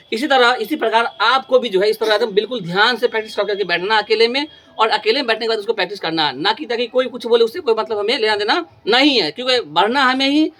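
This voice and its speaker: A man teaches a grammar lesson to a room of students. He works in call-and-response, asking each question and answering it himself more than once. He slows down and stretches the important terms so they stand out. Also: extremely high pitch, fairly bright tone. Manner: stretches key terms slowly for emphasis. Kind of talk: classroom lesson.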